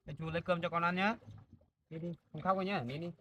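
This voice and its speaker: A man talking gently and in a fatherly way, coaxing children outdoors by a mountain stream. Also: a little high, steady tone, fast talker. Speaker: vlogger. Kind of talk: casual vlog talk. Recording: dull lo-fi sound with faint noise.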